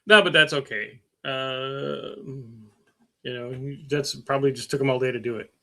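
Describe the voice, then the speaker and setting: Man, middle-aged, live-stream host, rambling, self-mocking, casual chat, mid-pitched voice. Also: steady tone, moderate pace, pushed and bright.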